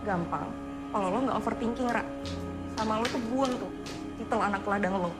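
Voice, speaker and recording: A woman's voice: medium pitch, moderate pace, over loud music, close to an everyday voice. An actress playing a defiant young female student at a boarding school, talking bluntly in street slang and picking fights. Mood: confrontational. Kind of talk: film drama.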